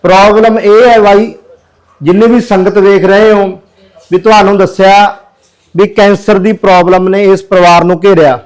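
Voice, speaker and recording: A man's voice: high-pitched, level tone, normal speed, darkish tone, clear, resonant tone, poor audio. A man who works as a social worker, pleading earnestly with viewers in a charity appeal video.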